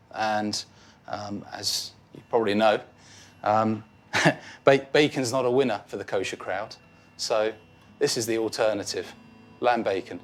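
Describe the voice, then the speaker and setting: Chatty man talking about his smokehouse. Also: on the low side. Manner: friendly, chatty, hesitant with fillers. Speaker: smokehouse owner, guest. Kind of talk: casual interview chat.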